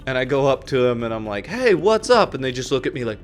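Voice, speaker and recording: A man's voice: mid-range voice, fairly even intonation, rapid-fire, soft background music. A man co-hosting a casual chat, telling stories with lots of fillers and restarts. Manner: rambling, storytelling with many fillers and restarts. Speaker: podcast co-host.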